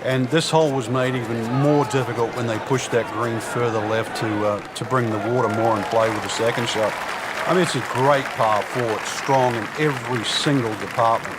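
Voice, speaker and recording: A man's voice: medium pitch, steady tone, moderate pace, lightly acted. A man giving expert golf commentary as an analyst, in a considered, conversational way. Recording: noisy outdoor crowd behind the voice. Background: crowd and outdoor ambience.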